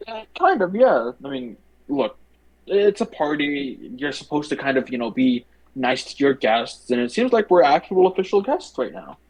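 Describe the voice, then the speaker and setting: A man's voice: on the high side, sing-song, normal speed, darkish tone, low-quality recording. A man chatting casually as a player in a tabletop role-playing game. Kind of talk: casual chat during a game.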